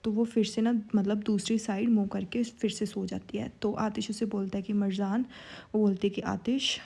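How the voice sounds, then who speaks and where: A woman's voice: mid-range voice, little pitch movement, moderate pace, vocal fry, warm tone, breathy edge. A young woman casually retelling a drama scene by scene, quoting each line of dialogue with her own asides. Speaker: drama recap narrator. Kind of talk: casual storytelling recap.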